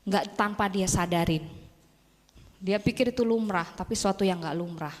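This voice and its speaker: A woman giving a motivational talk, telling animated stories and acting out the voices of the people in them. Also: mid-range voice, normal speed. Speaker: motivational speaker. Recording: long hall reverb.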